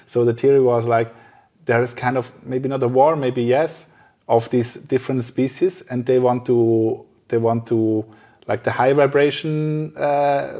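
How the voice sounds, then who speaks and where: A podcast host leads a casual conversation, speaking hesitantly as he searches for his words. His voice is mellow and of medium pitch.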